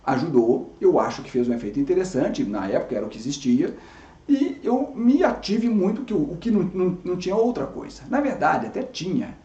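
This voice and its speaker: A man's voice: on the high side, sing-song, brisk, mellow. A man in his fifties, a dermatologist, telling his own story in a chatty way with frequent restarts and self-corrections. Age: 50s. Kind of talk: personal story to camera. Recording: echoey room, dull lo-fi sound.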